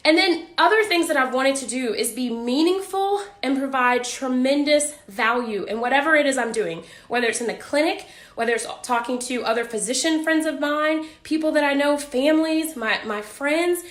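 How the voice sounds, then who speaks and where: Bright, high-voiced woman livestreaming. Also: normal speed, few pauses, echoey room. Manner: chatty, upbeat, greets viewers, laughs often. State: warm and a bit out of breath. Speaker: physician hosting a livestream. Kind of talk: casual livestream talk. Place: hot home office. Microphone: phone or webcam livestream.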